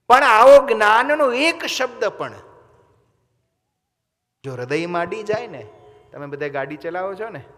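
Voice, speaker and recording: A man preaching a sermon, telling a story with dramatic dialogue. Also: fairly high pitch. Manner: dramatic storytelling, voices mother and son in dialogue. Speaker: swami preacher. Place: temple hall. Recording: long reverb of a large hall.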